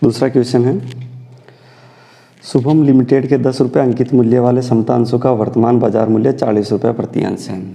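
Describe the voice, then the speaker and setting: A man's voice: medium pitch, creaky, warm tone, big-room sound. A man teaching a commerce lesson, working through a problem step by step and asking questions that he then answers himself. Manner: mixes Hindi with English terms, asks and answers his own questions. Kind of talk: lecture solving problems step by step.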